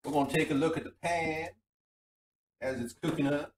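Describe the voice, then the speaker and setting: A man's voice: on the high side, fairly even intonation, normal speed. Man on a distant, tinny mic. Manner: rambling, folksy, breaks off to read chat. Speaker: livestream cooking host. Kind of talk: casual cooking chat to live viewers. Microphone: computer microphone, away from the mouth. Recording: tinny computer mic, distant, background noise.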